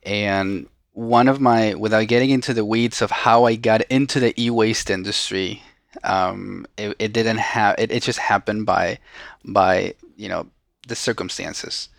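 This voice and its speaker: A man's voice: on the low side, fairly even intonation, a little slow, vocal fry, dry recording, clean studio sound. A man from Venezuela whose first language is Spanish, a guest on an interview show, talking earnestly and often restarting his sentences. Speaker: guest, social entrepreneur. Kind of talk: casual interview talk.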